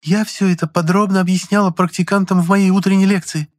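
A man reading an audiobook, voicing a principled, sharp-tongued young woman who speaks with biting indignation. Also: sits high, level tone, quick pace, voice pushed up, lightly acted. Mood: caustic. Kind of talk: audiobook character voice.

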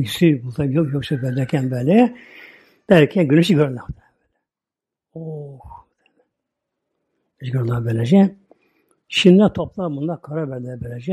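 A Turkish man preaching, retelling a religious story in a repetitive storytelling way, at times dropping to soft, quiet passages. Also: a little high, husky. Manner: retells a story with constant repetition of filler words.

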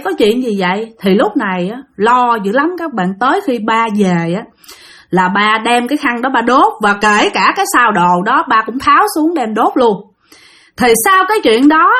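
A woman retelling a ghost story, talking straight to her listeners. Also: fairly high pitch. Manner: addresses listeners directly, lively and animated.

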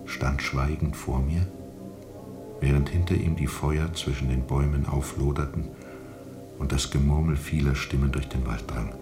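An actor playing a haunted sea captain in a radio drama, brooding and intense, moving between whispers and forceful declamation. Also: male voice, very deep voice, fairly even intonation, normal speed, over music. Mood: haunted, grim. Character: haunted, feverishly intense sea captain recounting a jungle ordeal. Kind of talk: German radio drama monologue.

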